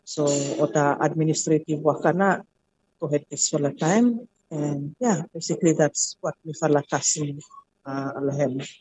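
A woman's voice: sits low, steady tone, normal speed, darkish tone, breathy edge, dry recording, poor audio. Female interviewee, Solomon Islands accent, Pidgin answers with frequent hesitations, dry sound. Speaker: media association president being interviewed.

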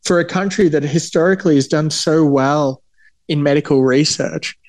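A man's voice: fairly high pitch, moderate pace. Laughing Australian man in his thirties. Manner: laughing, self-deprecating, animated retelling. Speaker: cancer scientist. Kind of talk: casual interview storytelling.

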